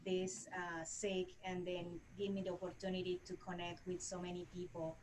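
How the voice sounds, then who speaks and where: A woman's voice: on the low side, completely flat delivery, normal speed, darkish tone, a little hiss or hum, poor audio. A woman introducing herself as a university faculty member on a video call, hesitant and repeating words.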